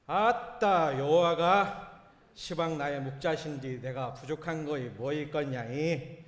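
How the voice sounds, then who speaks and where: A man voicing a folksy, exuberant Jeolla dialect speaker who praises God with hearty, drawn-out exclamations. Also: fairly high pitch. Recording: echoey church hall.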